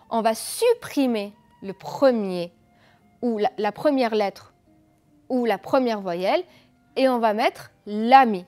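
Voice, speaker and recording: A woman's voice: on the high side, a little mellow. A woman teacher giving a televised school lesson, explaining patiently, asking pupils questions and praising their answers. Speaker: French teacher.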